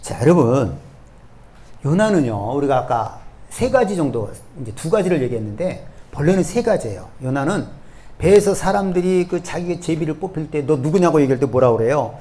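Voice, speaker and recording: Male pastor, slightly high voice, animated sermon delivery with congregational call-and-response. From South Korea. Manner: leads the congregation in reading scripture aloud, slow and measured.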